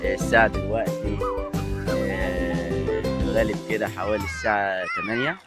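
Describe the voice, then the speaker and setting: Easygoing Egyptian dad narrating a beach vlog. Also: male voice, low-pitched, fairly even intonation, a little fast, over loud music. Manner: easygoing running commentary to viewers. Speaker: family vlogger filming his children. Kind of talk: casual home-video narration. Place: outdoors at a seaside beach.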